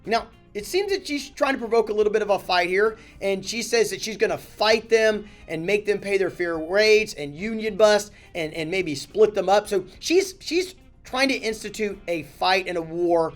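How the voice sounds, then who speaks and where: A man, a company chief, giving a casual, animated talking-head lesson on handling crises, blunt and self-correcting. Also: high-pitched, moderate pace, few pauses, faint music behind. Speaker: company CEO teaching communication.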